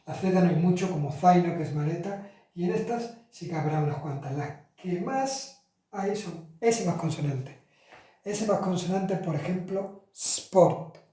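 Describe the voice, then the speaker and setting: A man's voice: sits high, unhurried, dark tone. A man teaching Italian articles to Spanish speakers in a chatty classroom style, with fillers and self-corrections. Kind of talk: casual classroom explanation. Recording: roomy echo, from far off the mic.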